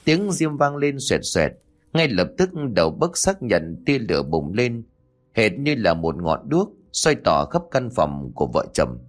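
A man's voice: lowish voice, big pitch swings, unhurried. A man narrating a spooky audiobook story, now and then voicing the characters' quoted lines. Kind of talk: scripted horror story narration.

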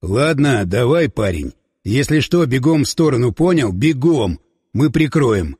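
A man voicing a gruff, commanding male leader who barks curt orders in an audiobook. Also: medium pitch, very animated, unhurried, a little mellow, dry recording, studio quality, big-room sound, pitched below the performer's own voice, heavily acted. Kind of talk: audiobook character voice.

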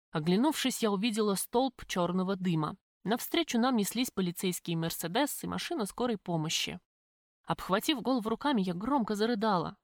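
Woman narrator for a first-person audiobook, expressive, mid pitch, dry close sound. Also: no room sound. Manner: lively, expressive reading.

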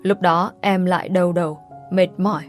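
A woman reading a gruff, curt young husband. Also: fairly low pitch, steady tone, moderate pace, soft background music, lightly acted. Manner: curt, rough-spoken.

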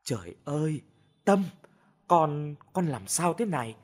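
A man voicing a worried older village mother who scolds softly and sighs, in a storybook reading. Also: medium pitch, big pitch swings, normal speed, husky. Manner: soft, sighing, scolding.

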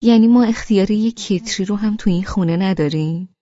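A woman reading an audiobook, voicing a fussy, grumbling old grandmother who softens quickly. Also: medium pitch, highs cut off, pitched above the performer's own voice, natural voice. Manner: grumbling, complaining.

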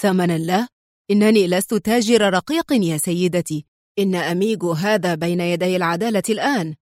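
A woman voicing a smooth, sly male businessman who rules a city, speaking with guarded irony. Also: on the low side, fairly quick, dry recording, studio quality, close to an everyday voice. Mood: wry. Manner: ironic, guarded, turns sharp.

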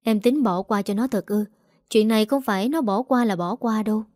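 A woman's voice: mid-range voice, a little fast, darkish tone, no room sound, clean studio sound, close to an everyday voice. A woman voicing a firm, protective young man who talks persuasively. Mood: firm urging.

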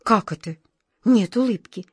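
A woman's voice: medium pitch, a little slow, darkish tone, slightly rough, no room sound. A woman voicing Katya, a curious young girl in a fairy tale, sounding amazed. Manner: amazed, questioning.

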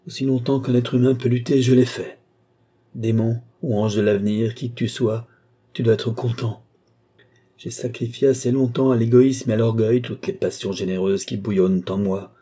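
A man's voice: mid-range voice, fairly even intonation, normal speed, mellow, husky, close to an everyday voice. A man voicing a tormented, brooding sorcerer. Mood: impassioned. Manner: impassioned, declamatory, swings between murmurs and outbursts. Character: brooding tormented male sorcerer, torn between love and ambition. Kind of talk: audiobook dramatic reading.

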